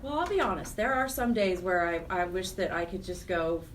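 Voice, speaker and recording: A middle-aged American woman from Wyoming, who directs a charity program, speaks earnestly and reflectively as a guest in a conversational radio interview. Her voice is lowish and a little fast with lively intonation, picked up by a distant mic with faint noise.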